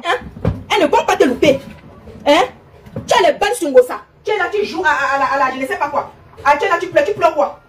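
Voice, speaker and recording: Rapid-fire emphatic woman. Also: very high voice. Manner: emphatic, repetitive, taunting, frequent "hein?". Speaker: online commentator. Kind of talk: heated direct-address monologue.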